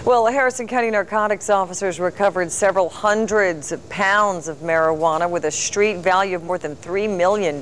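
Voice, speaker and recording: Low-voiced woman news anchor. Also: a little hiss or hum. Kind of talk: scripted news reading.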